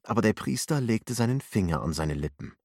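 A man narrating an audiobook in a measured, steady way. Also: lowish voice, vocal fry, no echo, studio quality.

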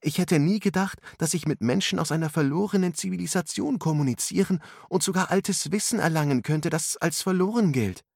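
A man's voice: on the high side, fairly quick, gravelly, hardly any pauses, a little mellow, no room sound, studio quality, pitched above the performer's own voice. A man voicing an eager young woman who is astonished and exclaims in wonder. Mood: amazed.

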